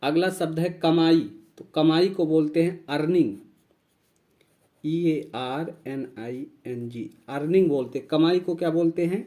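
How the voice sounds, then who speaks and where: Guy teaching english words, kinda high voice, repeats and spells everything. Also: warm tone. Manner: slow, repeats each word and spells it out. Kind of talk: vocabulary lesson.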